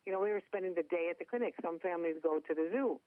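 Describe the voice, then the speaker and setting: A woman's voice: fairly low pitch, rapid-fire, no room sound. A middle-aged woman from Minnesota with a Minnesota accent, telling her story as a chatty guest with self-deprecating humor. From Minnesota, USA. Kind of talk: phone interview storytelling. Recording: tinny phone line, dry.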